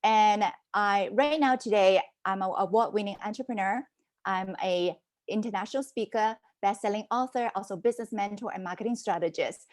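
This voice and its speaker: A woman in her forties, a business mentor raised in Hong Kong and Canada, telling her life story as a podcast guest in an animated, conversational way. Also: mid-range voice, fairly quick. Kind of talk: casual interview storytelling.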